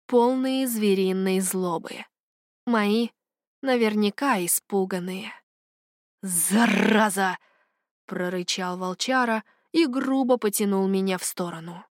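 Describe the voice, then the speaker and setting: A woman narrating a first-person fantasy story with expressive, dramatic delivery. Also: mid-range voice, no echo, clean studio sound. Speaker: audiobook narrator.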